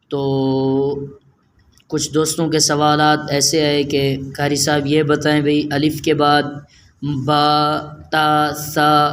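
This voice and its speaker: A man with a slightly high voice gives a spoken Quran lesson with patience and care. He slowly stretches out each letter sound as he demonstrates it and poses questions to his students. A faint hiss sits beneath his voice. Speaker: Quran teacher.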